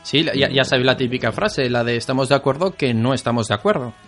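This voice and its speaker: A man's voice: mid-range voice, fast, a bit bright, faint music behind. Stammering male podcast co-host. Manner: stammering, searching for words. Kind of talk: casual podcast chat.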